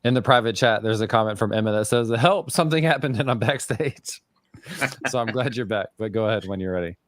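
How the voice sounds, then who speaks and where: A man hosts a live developer stream in a laid-back, friendly way, passing the word to guests and reading chat. His voice sits fairly low and sounds dry and close, with no room echo. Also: a little fast. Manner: relaxed, friendly moderator, reads chat aloud.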